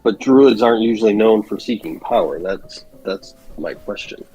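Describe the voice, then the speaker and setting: A man's voice: on the low side, lively intonation, moderate pace, dark tone, faint music behind, low-quality recording. A man playing in a tabletop role-playing game, asking questions and reasoning through theories about the story. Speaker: player.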